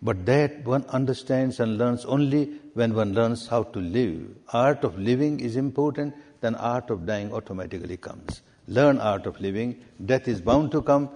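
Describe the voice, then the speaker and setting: A man from Myanmar, a meditation teacher answering questions in a deliberate way and repeating key words for emphasis. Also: medium pitch, darkish tone. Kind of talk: answering questions in a spiritual talk. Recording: long reverb of a hall.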